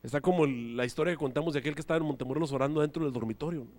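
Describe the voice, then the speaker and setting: A man preaching a sermon, animated, acting out little scenes and voices as he goes. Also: a little high, rapid-fire. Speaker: pastor. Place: church hall. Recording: live church hall reverb.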